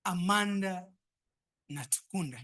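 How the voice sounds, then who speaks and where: A woman hosting a live pitch competition, exhorting the audience and repeating her instructions. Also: a little slow, a bit bright. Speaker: event host and emcee. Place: live event before an audience.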